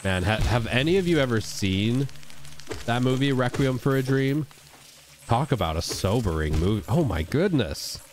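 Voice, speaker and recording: A man's voice: moderate pace, a little hiss or hum. A man streaming a video game, chatting casually and rambling while he greets and answers his viewers. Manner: animated, jumps into high excited outbursts. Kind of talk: casual live-stream gameplay chat.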